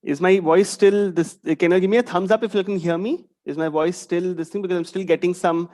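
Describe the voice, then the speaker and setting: Speaking a little fast in a high, darkish voice with fairly even intonation, a young guest speaker addresses young schoolchildren over a video call. He ends many of his sentences with a questioning "right?".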